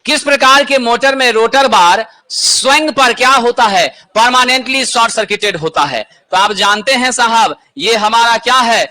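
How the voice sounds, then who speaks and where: A man's voice: very high voice, normal speed, hardly any pauses, sharp tone. A man teaching an exam-prep lesson, asking questions and answering them himself.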